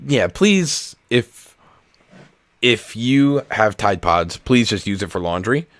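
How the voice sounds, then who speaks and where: A young man with a very deep voice co-hosts a comedy podcast. He explains things at length in a casual, blunt way and drops the odd swear word. The sound is dry and close, with no room echo. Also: animated, slow pace, a bit bright. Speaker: podcast co-host. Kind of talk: casual chat.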